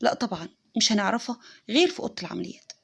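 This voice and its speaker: A woman with an Egyptian accent voicing a calm male doctor who explains things in a measured way in a spoken story. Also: medium pitch, gravelly, breathy edge. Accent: Egyptian Arabic.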